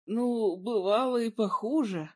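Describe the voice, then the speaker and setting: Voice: medium pitch, unhurried, darkish tone, voice pushed up, lightly acted. A reader voicing a bruised young man who answers with wry, easygoing humour in a story reading. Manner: wry, laid-back.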